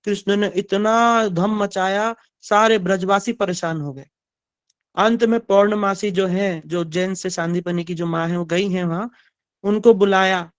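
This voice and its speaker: Man, devotional storytelling sermon, animated, high pitch, dry close sound. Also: measured pace, smooth, no room sound. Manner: animated storytelling, asks the audience. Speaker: spiritual storyteller.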